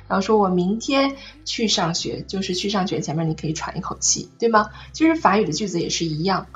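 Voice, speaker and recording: A woman's voice: mid-range voice, a bit bright, highs cut off. A woman teacher explaining French pronunciation and intonation in a patient, explanatory way, often asking "right?" to check in. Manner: patient, checks in with rhetorical questions. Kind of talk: online lesson on French intonation.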